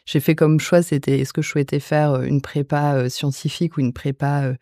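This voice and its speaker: A woman in her forties from the Paris region, a guest in a podcast interview, answering hesitantly with many filler pauses. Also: low-pitched, steady tone, mellow, no echo, studio quality. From Paris region, France. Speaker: guest investor.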